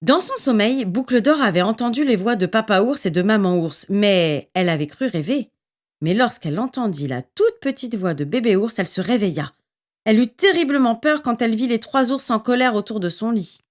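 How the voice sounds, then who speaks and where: A woman narrating a children's story in an expressive, lively reading voice. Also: a little high, a little fast.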